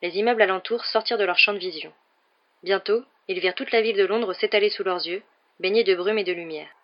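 Steady audiobook narration, mid pitch, dull muffled sound. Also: quick pace. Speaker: audiobook reader. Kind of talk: scripted novel narration.

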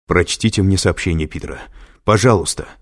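A man's voice: low voice, fairly quick. A man reading an audiobook, voicing an anxious male professor who speaks tensely and urgently. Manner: tense and pleading.

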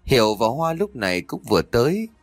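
A man narrating a dramatic audio story in a scripted, expressive reading on a close mic. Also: mid-range voice, a little fast, dry recording, faint music behind.

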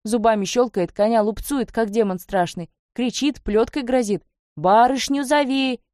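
A woman's voice: on the high side, moderate pace, mellow, dry recording, studio quality. A woman reading aloud a first-person story told in folksy, plainspoken narration. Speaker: audiobook reader.

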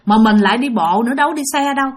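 A woman's voice: a little high, lively intonation, racing. A woman telling a ghost story, speaking dramatically and addressing listeners directly. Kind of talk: spoken ghost story narration.

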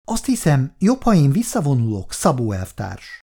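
A man's voice: big pitch swings, mellow. A man voicing a touchy, nervous shopkeeper who pleads and takes offense in a raised, strained voice, in an audiobook reading. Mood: indignant. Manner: pleading, indignant, higher-pitched.

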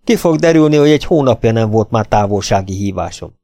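A man's voice: fairly low pitch, lively intonation, warm tone, no echo, studio quality. A man voicing a cautious, defensive young man who protests his innocence.

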